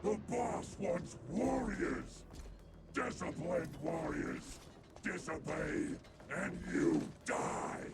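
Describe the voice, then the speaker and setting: A man voicing a ruthless, bullying raider enforcer in a video game, with barking, menacing shouts. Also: high voice, lively intonation, drawn-out words, creaky, exaggerated voice. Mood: savage, commanding. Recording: loud mechanical battle noise behind.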